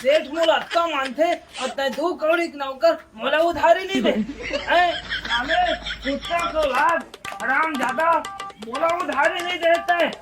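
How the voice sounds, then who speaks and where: High-pitched blustering Chhattisgarhi village man, acted by a man. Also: a little slow, music in the background. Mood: indignant, threatening. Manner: blustering, repetitive. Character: belligerent male village customer demanding credit, boastful nephew. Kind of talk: amateur village comedy skit acting.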